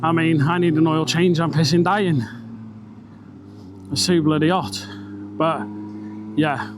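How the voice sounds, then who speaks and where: A man's voice: on the high side, takes it slowly, music in the background. A British man chatting casually and rambling, with some swearing, his voice enclosed inside a motorbike helmet as he rides outdoors. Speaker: vlogger. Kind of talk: casual ride-along motorbike vlog chat. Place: outdoors, riding a motorbike on country roads. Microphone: microphone inside a helmet. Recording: engine and wind noise, helmet mic. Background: motorbike engine and road noise.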